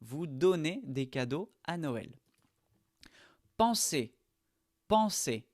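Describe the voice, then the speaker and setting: Male language teacher, unhurried and precise, recorded dry and close. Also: a little high, big pitch swings, a little mellow, no echo. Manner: slow, carefully articulated model sentences. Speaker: French teacher. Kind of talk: pronunciation lesson.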